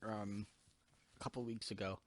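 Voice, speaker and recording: A man's voice: lowish voice, flat delivery, moderate pace, no echo. A young man hosting a podcast, talking casually in a rambling way with lots of swearing and fillers. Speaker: podcast host. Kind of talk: casual chat.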